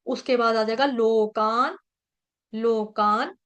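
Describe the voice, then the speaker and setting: A woman's voice: on the high side, fairly even intonation, slow, a bit bright, clean tone. Patient woman teaching verses syllable by syllable. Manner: patient, breaks words syllable by syllable. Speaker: online Sanskrit verse teacher. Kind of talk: online class teaching verse recitation. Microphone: video call.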